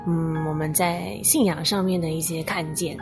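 Lower-pitched woman chatting casually over music. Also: fairly even intonation, moderate pace. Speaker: radio colleague being interviewed. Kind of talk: casual interview chat.

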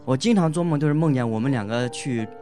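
A man at a middle pitch tells his own marriage story in a loose, halting way, full of fillers and restarts. He laughs often along the way. Faint music plays softly behind him. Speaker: husband giving a couple's testimony. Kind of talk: casual spoken testimony.

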